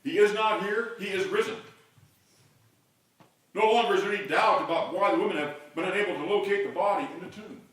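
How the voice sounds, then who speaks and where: Older guy preaching, higher voice, kinda far from the mic, big echoey church. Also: fairly quick. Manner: builds to loud call-and-response shouts. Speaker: pastor. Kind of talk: sermon. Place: large church sanctuary.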